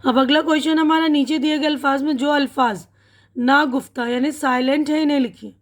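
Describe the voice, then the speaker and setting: A woman's voice: sits high, steady tone. A woman with a Pakistani Urdu accent teaching English vocabulary and pronunciation, patiently reading word lists aloud and checking in with her students. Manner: patient, repeats words slowly, checks in with "theek hai na".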